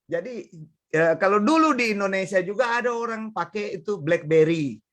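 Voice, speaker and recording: A male pastor delivering a sermon with a high-pitched voice. He preaches in a lively, chatty storytelling manner, chuckling as he goes and speaking straight to his listeners. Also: moderate pace.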